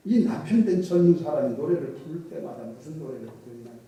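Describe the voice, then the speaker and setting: A man's voice: fairly high pitch, lively intonation, fast talker, warm tone. A middle-aged male pastor preaching a sermon, telling folksy stories with jokes and dialect impressions. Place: church sanctuary. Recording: distant mic in an echoey church hall.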